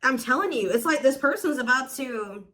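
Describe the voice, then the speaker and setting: In this clip, a woman with a high, expressive, slightly bright voice speaks at a normal speed. As the host, she gives viewers a casual, intuitive tarot reading, talking emphatically and conversationally and repeating herself for emphasis.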